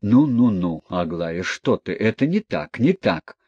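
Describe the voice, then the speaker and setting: Brief: man playing a bewildered old general in a storybook reading, stammering, lively pitch. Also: unhurried, breathy edge, dry recording, dull audio. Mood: agitated. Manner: stammering, agitated, repeats himself. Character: flustered elderly general, bewildered father.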